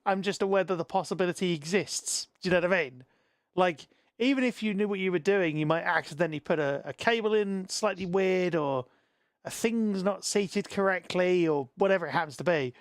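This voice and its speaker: A man's voice: high voice, normal speed, no room sound, clean studio sound. A man hosting a game stream, chatting casually and laughing often. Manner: giggly, chatty, bursts of laughter. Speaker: streamer host. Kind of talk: casual chat while gaming.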